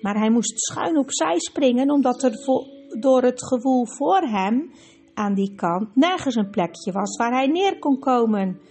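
A woman's voice: fairly high pitch, a little slow, faint music behind. Woman reading a storybook aloud. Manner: lively, expressive storytelling. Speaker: narrator.

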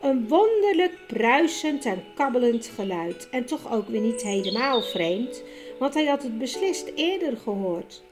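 A woman narrating a children's audiobook, reading unhurriedly and with care. Her voice sits a little high, and music plays clearly underneath. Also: big pitch swings, unhurried. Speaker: storyteller. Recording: music bed behind the reading.

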